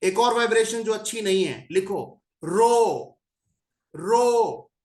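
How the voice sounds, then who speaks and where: Animated, unhurried male numerology teacher. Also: sits high, reverberant. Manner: repeats syllables over and over, drawn out for emphasis. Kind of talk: explanatory lesson.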